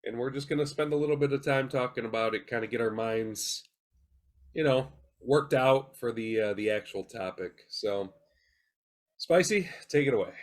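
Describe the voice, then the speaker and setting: A man's voice: mid-range voice, moderate pace. A man with a cold, hosting a casual podcast chat in a laid-back, rambling way. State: congested with a cold. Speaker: podcast host.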